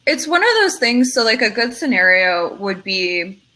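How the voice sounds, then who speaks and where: Woman, bright tense voice, chatty and rambling, lots of fillers, online panel. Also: medium pitch, sing-song, normal speed. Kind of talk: casual panel discussion.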